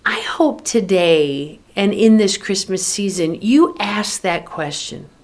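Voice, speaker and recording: A woman hosting a devotional podcast, earnestly reflecting on a hymn and pausing over her words. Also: mid-range voice, very animated, slight background noise. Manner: earnest, reads hymn lyrics and poems aloud; halting restarts when speaking freely. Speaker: podcast host.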